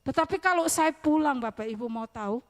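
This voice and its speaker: A woman evangelist giving a church sermon, lively, with loud rising questions and quiet asides. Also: sits high, fairly quick. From eastern Indonesia. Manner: addresses listeners as "saudara", speaks with humor. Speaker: evangelist preacher. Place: church service.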